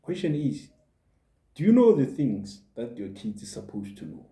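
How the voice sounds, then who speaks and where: A man's voice: medium pitch, big pitch swings, normal speed, dark tone. A man in his forties gives a motivational monologue as a podcast host, earnest and repeating his points for emphasis. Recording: roomy echo.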